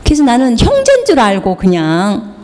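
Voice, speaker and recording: A woman missionary preaching, telling a healing story with animated storytelling and acted-out dialogue in a church hall. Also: fairly high pitch, moderate pace. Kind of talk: sermon testimony. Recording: long hall reverb.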